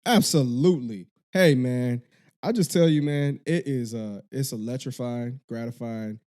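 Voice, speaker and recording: Picture a man co-hosting a casual podcast, earnest and a bit halting, stumbling through fillers and restarts. His voice sits in a middling pitch with a dark, mellow tone. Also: clear, resonant tone. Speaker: podcast co-host.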